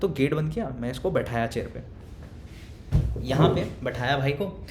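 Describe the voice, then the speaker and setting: A young man casually telling a storytime, animated and acting out his friends' lines, then dropping to low mutters. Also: moderate pace, over music. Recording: echoey room with faint rumble.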